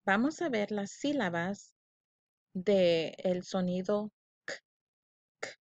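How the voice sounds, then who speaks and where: A woman leads a children's phonics lesson at a very slow, deliberate pace. She stretches out each syllable and repeats sounds so learners can echo them. The recording is dry and a little dull, with a lo-fi sound. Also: mid-range voice, lively intonation, a little mellow. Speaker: teacher.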